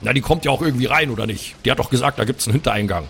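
Rapid-fire and a touch bright, this medium-pitched male voice carries noticeable vocal fry. The speaker, likely in his thirties, is bantering and playing in character at a tabletop RPG, improvising as a bossy player who leans hard on slang.

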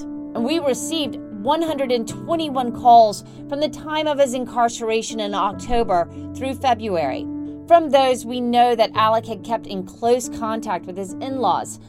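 A woman hosting a news podcast, reading scripted investigative narration as a reporter. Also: fairly high pitch. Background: music.

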